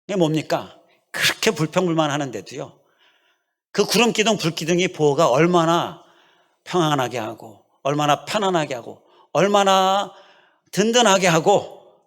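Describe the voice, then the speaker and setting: A middle-aged man preaches a Sunday sermon in a church. His voice sits a little high and swings widely up and down. He drives his points home with repeated phrases and questions to the congregation. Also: a bit bright. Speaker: pastor. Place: church sanctuary.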